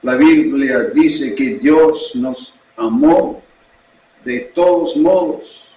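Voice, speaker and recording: Slow-preaching pastor with an English accent. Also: male voice, a little high, mellow. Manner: slow, deliberate preaching in a learned second language. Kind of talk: sermon. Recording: echoey room, distant mic.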